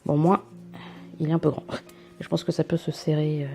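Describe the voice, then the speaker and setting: Low gravelly-voiced woman chatting through an unboxing. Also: level tone, fairly quick, warm tone, soft background music. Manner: chatty, rambling, self-mocking asides. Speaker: vlogger unboxing a subscription box. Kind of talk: casual unboxing chat.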